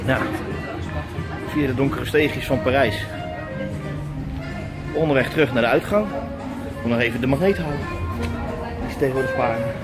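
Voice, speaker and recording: A man's voice: medium pitch, normal speed, pauses often, rough recording. A man in his thirties with a Dutch accent, chatting casually with many fillers as he vlogs through a busy outdoor theme park, filming himself on a camera held at arm's length. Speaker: vlogger. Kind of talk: casual travel vlog. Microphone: action camera at arm's length. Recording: music clearly heard behind.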